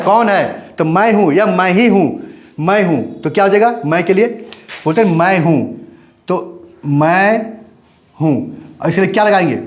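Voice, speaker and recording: A man teaching English grammar in Hindi, explaining step by step with English terms and quick checking questions. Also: high-pitched. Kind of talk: Hindi classroom lesson.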